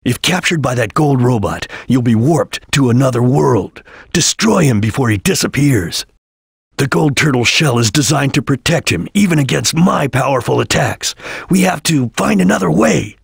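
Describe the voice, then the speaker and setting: A man voicing a serious, disciplined ninja chameleon in a video game, with a husky, gravelly voice and a terse, stern, deliberate manner. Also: medium pitch, expressive, no echo, clean studio sound, full character voice. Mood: calm, tactical. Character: serious, disciplined male ninja chameleon detective, cool and tactical. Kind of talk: video game character voice lines.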